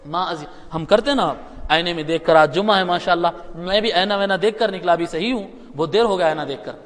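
High-voiced man preaching in an echoing hall. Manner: emphatic, rising to loud rhetorical peaks then dropping low. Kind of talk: Friday sermon. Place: mosque. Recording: long hall reverb.

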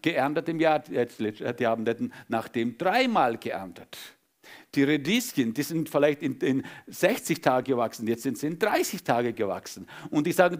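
A male pastor preaching a sermon dramatically, swinging between loud emphasis and hushed whispers. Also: fairly high pitch.

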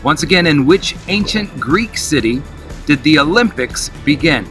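A man's voice: a little high, animated, normal speed, over music. An upbeat middle-aged man, a cruise director, casually hosting a quiz to camera outdoors. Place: outdoors in an open park.

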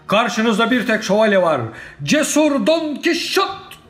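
A man playing a grandiose old would-be knight from a storybook, bellowing his challenges in a high, swooping voice full of bluster. He is older and stubborn, and soft music plays faintly underneath. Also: animated, moderate pace, lightly acted. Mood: battle-crying. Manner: bombastic, shouting battle cries.

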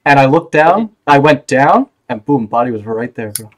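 A young man hosting a casual gaming voice chat, talking excitably in long rambling runs and swearing freely. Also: mid-range voice, moderate pace. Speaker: streamer and host.

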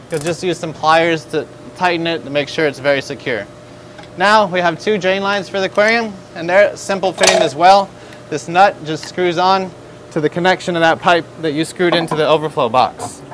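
A man's voice: a little high, normal speed, background noise. Upbeat American man demoing aquarium plumbing. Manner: upbeat, instructive. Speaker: aquarium store host. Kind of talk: product demonstration tutorial. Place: aquarium store showroom.

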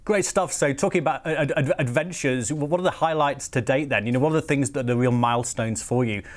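Friendly middle-pitched male interview host. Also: quick pace. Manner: friendly, hesitant, fillers and repeats. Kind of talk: interview hosting.

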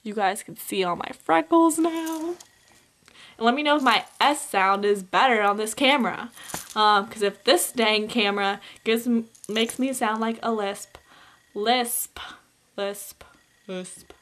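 A woman's voice: mid-range voice, normal speed, fairly bright tone. A teenage girl talking casually on a home vlog, upbeat and chatty with lots of fillers, recorded on a camcorder mic. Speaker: vlogger. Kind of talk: casual holiday haul vlog. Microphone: camcorder built-in mic.

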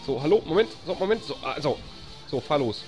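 A live-stream gamer with a German accent giving excitable let's-play commentary, cheering and laughing often and grumbling when the game gets stuck. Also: mid-range voice, brisk, soft background music.

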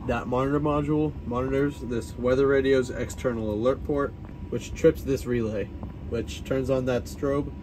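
A man's voice: mid-range voice, steady tone, moderate pace, background noise. A man casually explaining a demonstration as the host, speaking from behind a handheld camera in a basement. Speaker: host demonstrating an alarm system.

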